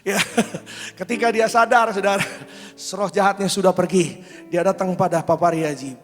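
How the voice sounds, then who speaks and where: A man preaching a sermon as pastor, telling a lively story and leading the congregation in declarations. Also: high-pitched, normal speed, long reverb tail, faint music behind. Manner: storytelling, acts out voices of people in the anecdote; calls out to the congregation, leads declarations. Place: large church hall.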